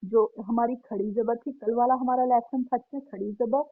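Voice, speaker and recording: A woman teaching a Quran recitation lesson, patiently repeating each point and drawing out sample syllables slowly. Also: a little high, steady tone, no room sound. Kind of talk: online tajweed lesson. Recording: tinny phone-like sound, dry.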